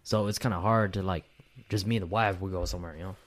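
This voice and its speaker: A man's voice: sits low, steady tone, fast. A man, chatting casually and rambling with lots of fillers and restarts. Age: late 20s. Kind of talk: casual chat.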